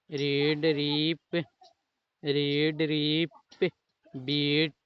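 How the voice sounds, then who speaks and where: Man teaching English phonics in a dull lo-fi recording. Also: on the high side. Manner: repetitive, keeps saying "dekhiye" and "theek hai"; spells out example words letter by letter. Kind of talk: online spoken English class.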